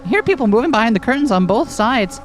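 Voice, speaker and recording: A woman's voice: on the high side, lively intonation, fast talker, a little hiss or hum, close to an everyday voice. A woman voicing an anxious, sweary, sarcastic young heroine while reading a video game aloud. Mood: sarcastic, wary.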